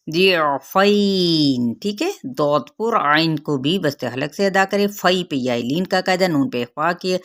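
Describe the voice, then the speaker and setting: Female tajweed teacher, Pakistani Urdu accent, low pitch, slow drawn-out recitation then brisk explanation. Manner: recites words slowly then explains rules. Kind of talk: tajweed lesson.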